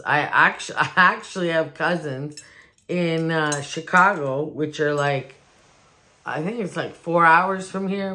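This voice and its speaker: Woman, DIY vlogger; chatty and loose, a bit low-pitched, talks to a phone on a ring light. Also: pushed and bright. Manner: chatty, rambling, with many restarts. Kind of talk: casual chat to camera. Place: new home, indoors.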